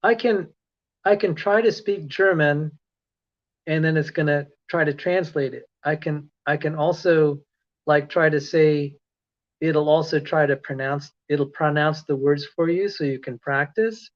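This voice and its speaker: This Filipino man with an American accent has a somewhat high voice and a measured pace. He's an online lecturer on a livestream, talking casually in a rambling, chatty way and correcting himself as he goes. The stream audio is dull and lo-fi.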